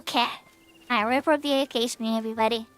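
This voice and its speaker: A woman's voice: on the high side, steady tone, quick pace, fairly bright tone, clean tone, faint music behind. A woman livestreamer chatting casually while gaming, in a cute anime-girl manner.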